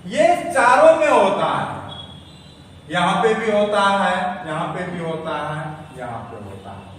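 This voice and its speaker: A man's voice: high-pitched, very animated, unhurried, a bit bright, a little hiss or hum. A man teaches a lesson, explaining step by step and asking and answering his own questions. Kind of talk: classroom lesson. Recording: echoey room from far off.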